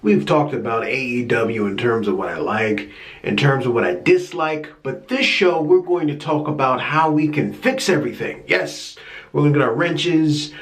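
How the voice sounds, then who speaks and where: A man hosting his own show, talking casually and excitedly about pro wrestling, often stumbling over and repeating words when fired up. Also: medium pitch, normal speed. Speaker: host.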